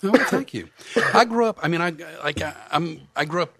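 A man's voice: on the high side, lively intonation, a little fast, bright, forceful tone, dry recording. A man who works as a comedian hypnotist, chatting as a podcast guest in a joking, self-deprecating way with many restarts. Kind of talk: casual podcast chat.

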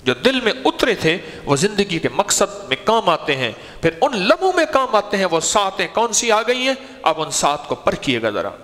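Animated male preacher in a hall. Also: high-pitched, few pauses. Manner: animated storyteller, acts out quoted speech. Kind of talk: sermon with storytelling.

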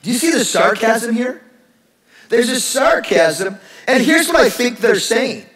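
A middle-aged male pastor giving a lively, joking sermon in a church. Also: very high-pitched, unhurried, echoey room, low-quality recording. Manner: animated, joking, acts out sarcastic voices. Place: church sanctuary.

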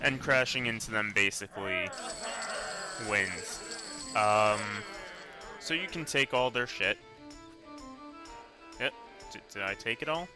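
A man's voice: lowish voice, slow pace, long pauses, music in the background. A man casually commenting on his own gameplay, rambling and correcting himself as he goes. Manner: rambling, self-correcting, offhand. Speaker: let's play commentator.

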